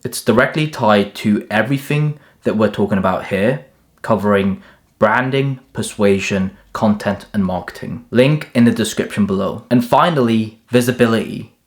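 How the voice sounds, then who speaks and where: A man's voice: on the low side, moderate pace. A young man, born in Turkey and raised in England, delivering a direct, motivational self-improvement monologue in short punchy lists. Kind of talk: scripted self-help monologue.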